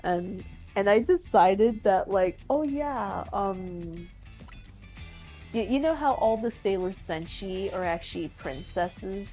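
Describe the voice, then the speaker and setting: A woman's voice: mid-range voice, expressive, takes it slowly, mellow, soft background music. A woman chatting casually on a stream, rambling with many fillers and frequent giggles. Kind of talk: casual chat.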